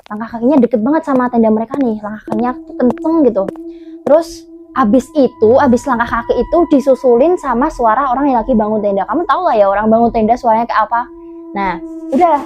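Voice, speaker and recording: A woman's voice: a little high, lo-fi sound, slight background noise. Chatty young woman telling a spooky tale. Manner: chatty, many fillers and self-corrections. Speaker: storyteller. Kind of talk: casual horror storytelling.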